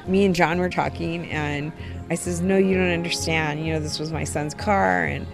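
A woman's voice: deep voice, fairly even intonation, normal speed, gravelly, over music. A woman, a gold star mother, retelling events emotionally in a conversational interview.

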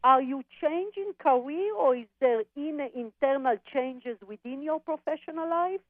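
A woman psychic medium heard over a phone line on a radio show, calling listeners darling and honey and pausing on fillers. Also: high voice, no echo. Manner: calls people darling and honey, halting with fillers. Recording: tinny dry phone line.

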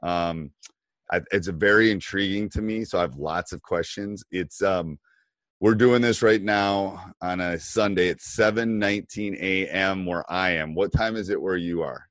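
A man's voice: low-pitched, a little slow, a bit bright, no room sound. Rambling male basketball podcast host. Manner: rambling, many fillers and restarts. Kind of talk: casual podcast chat.

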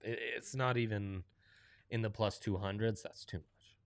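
A man's voice: fairly low pitch, fairly even intonation, normal speed, no echo, clean studio sound. A man co-hosting a sports betting show, chatting casually and informally.

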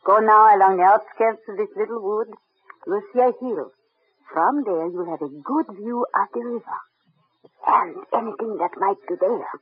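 An actress playing a kindly older French village widow with a French accent in old-time radio drama. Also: female voice, mid-range voice, moderate pace, a little hiss or hum, lightly acted. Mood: hushed, earnest. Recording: tinny narrow vintage radio sound.

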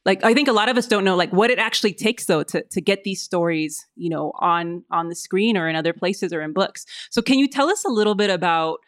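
A woman hosting an interview podcast in a loose, conversational way, often pausing on "like." Her voice sits at an ordinary middle pitch. The recording is close and dry, with no room sound. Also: no room sound. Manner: casual, uses many "like" fillers. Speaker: podcast host.

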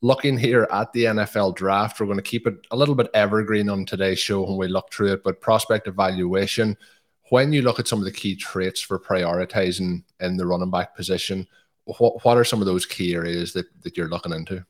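Man, low voice, west of Ireland Donegal accent, casual podcast host. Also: fairly even intonation, fairly quick. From Donegal, northwest Ireland.

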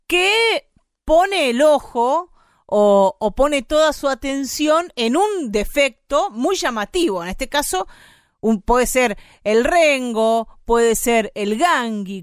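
Measured woman co-host, dry sound. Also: sits high, no echo. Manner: measured, explaining. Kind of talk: explanatory radio chat.

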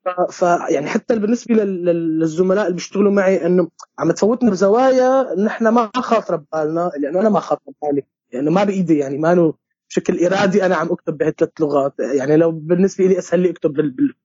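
A playwright and theatre director from Homs, speaking with a Syrian Arabic accent, answering questions in a halting way with many restarts and English words mixed in. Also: male voice, high-pitched, dark tone, husky, no echo. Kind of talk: conversational interview answer. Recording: dull lo-fi sound.

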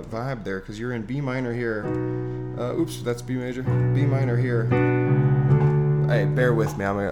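A man hosting a casual, rambling solo chat in an informal way, sounding far from a dangling microphone. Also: lowish voice. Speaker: host. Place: seated at a piano. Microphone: dangling microphone, away from the mouth. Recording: voice distant from dangling mic, music.

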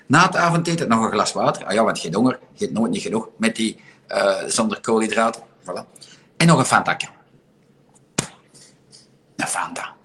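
A man's voice: lowish voice, fast, slight background noise. Blunt, sarcastic Flemish man livestreaming. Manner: blunt, sarcastic, animated, with frequent rhetorical questions. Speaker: livestream host. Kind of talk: casual livestream commentary.

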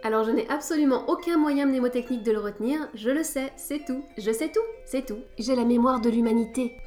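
A woman's voice: on the high side, fairly quick, darkish tone, faint music behind. A woman hosting a scripted podcast lesson, with a wry, playful teacher's tone. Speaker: podcast host.

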